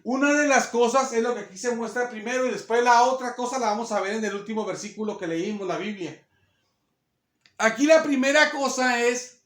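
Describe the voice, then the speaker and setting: High-voiced preacher in an echoey hall. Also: male voice, a bit bright. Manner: earnest, explains slowly and repeats phrases. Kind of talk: sermon. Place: church hall. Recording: echoey room.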